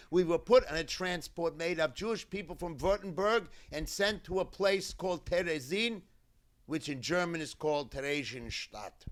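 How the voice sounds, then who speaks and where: A cantor giving a keynote address at a memorial gathering, retelling a survivor's story in the first person with a measured, deliberate delivery in short phrases. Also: male voice, fairly high pitch.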